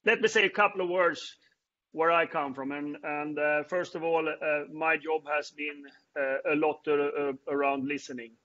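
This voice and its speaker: A middle-aged man with a Swedish accent, hosting a panel on a video call and speaking haltingly with many fillers and restarts. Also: a little high, steady tone, bright, forceful tone. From Sweden. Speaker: panel host. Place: indoors before a branded backdrop. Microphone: earbuds on a video call. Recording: dull lo-fi video-call audio.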